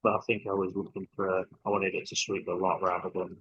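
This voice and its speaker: A man's voice: low voice, little pitch movement, brisk, slightly rough, no echo. A man on a group call, talking hesitantly with many fillers while his audio sounds muffled and underwater-like, breaking up. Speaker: trader reviewing charts on a group call.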